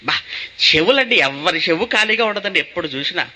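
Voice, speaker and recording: High, bright-voiced preacher man. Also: expressive, a little fast. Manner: asks the listeners questions and answers them himself. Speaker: pastor. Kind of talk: sermon.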